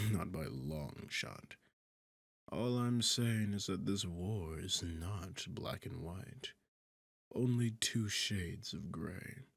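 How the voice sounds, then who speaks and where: Voiced by a man in full character, a sardonic demon king speaks slowly in a low, gravelly tone, close-miked and dry, for an intimate fantasy audio roleplay. Coaxing and knowing, he lingers over his words, teasing and condescending with a bored, seductive arrogance.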